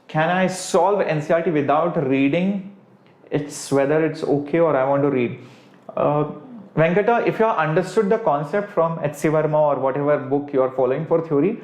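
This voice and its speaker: A man's voice: a little high, darkish tone. A man with an Indian accent teaching a live online physics lesson informally, working step by step and asking rhetorical questions. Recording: echoey room sound.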